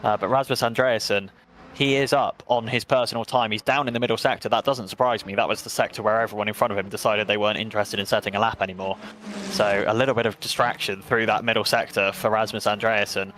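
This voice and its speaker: A man with an English accent giving brisk, chatty play-by-play commentary on a sim race, with self-mocking asides. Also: on the low side, steady tone, a bit bright, a little hiss or hum. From England.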